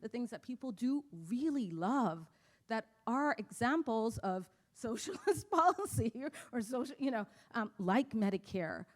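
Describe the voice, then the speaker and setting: A woman's voice: fairly high pitch, very animated, unhurried. A woman from Barbados speaking as a panelist, thoughtful and earnest, with frequent fillers. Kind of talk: panel discussion.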